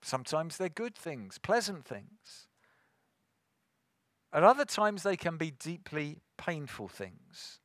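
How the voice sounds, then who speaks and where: A man preaching a sermon, earnest and rising to forceful emphasis. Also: on the high side, no room sound, clean studio sound.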